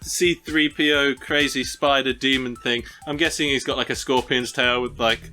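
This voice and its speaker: A man's voice: medium pitch, fairly even intonation, normal speed, pushed and bright, soft background music. A man playing a tabletop game, chatting casually with hesitant restarts as he plans his moves. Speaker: player.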